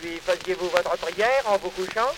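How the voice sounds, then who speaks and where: A man's voice: sits high, normal speed, noisy background, natural voice. A man voicing a stern, scolding old saint who guards the gate of heaven in a recited poem. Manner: gruff, scolding.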